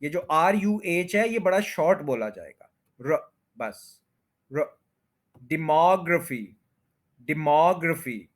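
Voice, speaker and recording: Slow, patient male pronunciation teacher. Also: high-pitched, sing-song. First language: Urdu or Hindi. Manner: repeats words slowly, stretching syllables to show stress. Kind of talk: slow explanatory lesson.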